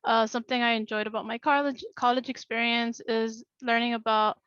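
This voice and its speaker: A woman's voice: little pitch movement, a little fast, fairly bright tone, clear, resonant tone, no room sound. A woman in her twenties, a graduate, speaking plainly and a little hesitantly on a video call. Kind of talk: short speech over a video call. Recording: dry, muffled low-fidelity audio.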